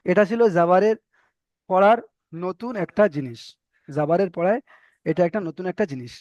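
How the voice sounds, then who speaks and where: A man teaching an online reading class, slowly drilling letter sounds and repeating syllables for his students. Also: high voice, lively intonation, a little mellow, no room sound, lo-fi sound. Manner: slow, repetitive drilling of syllables with pauses.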